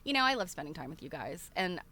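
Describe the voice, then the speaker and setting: A woman livestream host chats casually and rambles to her regular viewers, often breaking into laughter. Her lowish voice is bright and forceful, with a sing-song quality, and she talks fast.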